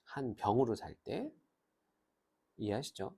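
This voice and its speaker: A man teaching English grammar in a lively lecture, pausing to say English phrases slowly and clearly. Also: medium pitch. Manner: animated, switches between Korean and slow, drawn-out English phrases.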